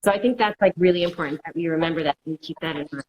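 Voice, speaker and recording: A woman's voice: low voice, rapid-fire, a little mellow, slight background noise, poor audio. A woman counselor giving casual, reassuring advice and acting out worried inner voices in quotes. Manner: reassuring, repeats "it's okay". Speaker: mental health counselor. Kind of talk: conversational advice.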